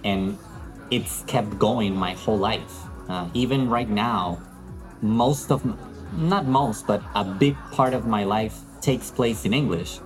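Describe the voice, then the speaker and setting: A man's voice: fairly low pitch, takes it slowly, faint music behind, poor audio. A man from Peru, an English teacher, talking in a friendly, thoughtful way as an interview guest, with some fillers. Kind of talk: interview conversation.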